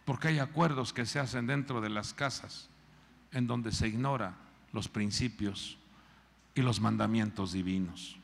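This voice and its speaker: A man's voice: lowish voice, unhurried, gravelly. A man preaching a sermon, acting out voices and calling on the congregation to repeat phrases. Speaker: pastor. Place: church hall. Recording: long church reverb.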